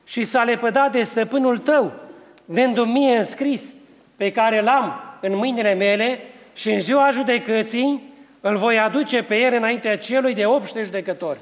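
A man voicing a male devil who accuses and argues his claim, in a plain steady reading. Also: extremely high pitch, in a large hall. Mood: accusing.

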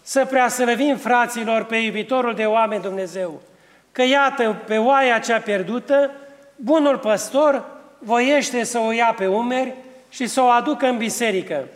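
A man's voice: very high-pitched, big-room sound. A man voicing a stern old holy bishop who rebukes a devil, in a solemn preaching cadence.

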